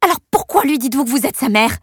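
A woman's voice: sits high, moderate pace, no echo, studio quality, pitched above the performer's own voice. A woman voicing a haughty, short-tempered wealthy young mother who speaks in a reproachful, accusing way in a storybook reading.

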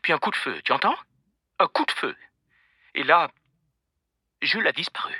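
A man reading an audiobook, voicing a rich older mother who speaks calmly and coldly while recounting a shooting. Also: a little high, normal speed, husky, no echo, studio quality, pitched above the performer's own voice, full character voice. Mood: cold, anxious. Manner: calm, cold, disjointed. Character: cold, rattled older mother on the phone. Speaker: narrator voicing a character.

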